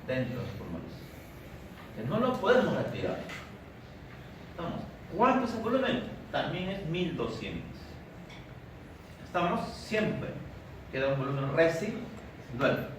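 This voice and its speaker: A male physiology lecturer with a Peruvian accent, teaching a class and constantly checking in with his students with "right?" and "are we clear?". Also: high voice. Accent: Peruvian Spanish. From Peru. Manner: checks in constantly with "¿cierto?" and "¿estamos?". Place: large echoey classroom. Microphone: distant camera mic. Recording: echoey, far from the mic, noisy room.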